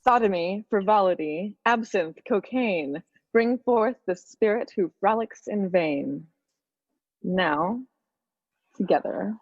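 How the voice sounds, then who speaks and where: A woman's voice: medium pitch, animated, takes it slowly. A woman playing a dry-witted undead woman from the underworld, speaking in a dry, sardonic way. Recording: dull lo-fi sound with long reverb.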